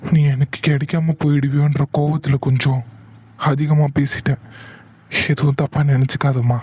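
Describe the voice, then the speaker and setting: A man voicing a hot-headed young man in a cartoon, insistent and quick to anger, then soothing his sweetheart. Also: on the high side, level tone, warm tone, slightly rough. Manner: insistent, shifts from angry to soothing. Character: hot-tempered young man in love, teasing. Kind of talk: cartoon voice acting.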